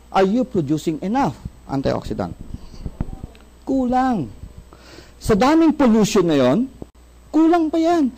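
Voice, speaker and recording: A man's voice: high-pitched, vocal fry, dark tone, rough recording. A man with a Filipino accent giving a sales seminar talk. He keeps asking the audience questions, answers them himself, jokes, and mixes English into his talk. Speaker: product presenter.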